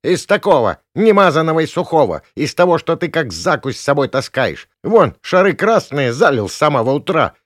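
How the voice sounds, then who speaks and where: A man voices a hulking village woman with huge work-worn hands, loud and bossy. She shrieks high and coarse, pitched well above the reader's own voice, in a dry close recording. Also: sing-song, moderate pace, hardly any pauses, no echo. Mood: yelling, accusing. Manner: shrieking, abusive, coarse peasant speech. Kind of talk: audiobook character voice.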